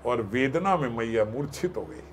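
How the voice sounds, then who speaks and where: A man telling a devotional katha as a sermon, animated, acting out voices and joking with listeners. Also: medium pitch, moderate pace, a little hiss or hum. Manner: animated, acts out voices and jokes with the audience. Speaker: katha storyteller.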